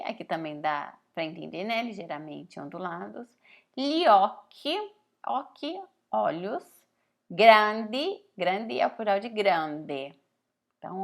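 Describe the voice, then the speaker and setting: With a mid-range voice touched by vocal fry, a Brazilian woman leads a relaxed Italian lesson. She explains slowly, reads phrases out loud, and frequently ends with "né?".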